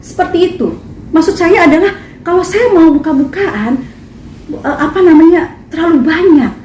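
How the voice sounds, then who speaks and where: A woman's voice: very high-pitched, animated, moderate pace, a little mellow, far from the mic. A woman singer making an emphatic, indignant statement at a press conference. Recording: echoey, from afar, faint noise.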